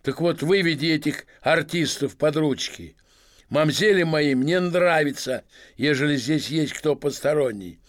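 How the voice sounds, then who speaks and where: A man's voice: fairly high pitch, measured pace, close to an everyday voice. A man voicing a drunk, boorish masked millionaire who bellows and mocks everyone in a storybook reading. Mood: swaggering. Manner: bellowing, mocking, swaggering.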